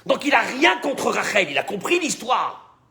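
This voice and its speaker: Animated rabbi teaching. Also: male voice, high-pitched, moderate pace, faint music behind. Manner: animated, dramatizes dialogue, repeats words, questions the audience. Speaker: rabbi teaching the weekly Torah portion. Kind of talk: Torah class.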